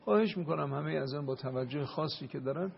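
Gravelly impassioned man on lo-fi radio. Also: a little high, slight background noise. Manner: impassioned, swelling to loud emphasis. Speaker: religious speaker. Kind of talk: religious talk and prayer on radio. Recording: dull lo-fi radio broadcast.

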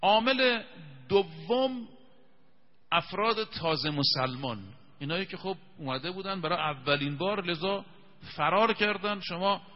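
Emphatic male preacher, slightly raised pitch, long reverb on the sound. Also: dull audio. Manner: emphatic storytelling, slows to recite scripture. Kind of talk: televised religious sermon.

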